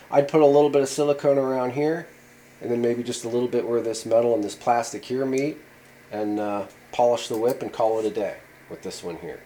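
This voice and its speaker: Speaking in a mellow, mid-range voice, a man demonstrates radio antennas for his channel from a workshop bench. His how-to rambles casually and leans heavily on fillers like "uh" and "you know," with slight background noise.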